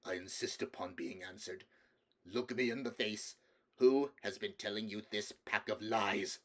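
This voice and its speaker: A man voicing a stern, irritable middle-aged king in a storybook, brusque and condescending, given to booming commands. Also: measured pace, a bit bright. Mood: stern, sharp.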